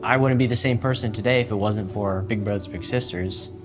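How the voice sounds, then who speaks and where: A man's voice: on the low side, a little fast. Young man, mentee, casual chat, "like" fillers, guitar music behind. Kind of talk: interview for a charity video. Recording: interview under music bed.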